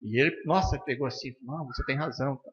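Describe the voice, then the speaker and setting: A man with a Curitiba Brazilian accent leads an informal study class at a spiritist center, speaking quickly and firmly. He keeps slipping into quick acted exchanges with the people he treats. The recording is dull and lo-fi, with a long reverb trailing off the walls of the hall. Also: mid-range voice. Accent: Brazilian Portuguese, from Curitiba. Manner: animated, acts out dialogues with patients; blunt and firm, frequent "né?" tags. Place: spiritist center lecture room.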